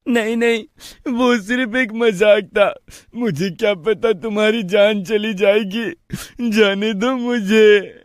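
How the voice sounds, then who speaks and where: A woman's voice: a little high, takes it slowly, no room sound, clean studio sound. A woman voicing a frightened, mischievous village boy in a storybook tale, whiny and pleading. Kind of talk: storybook voice acting.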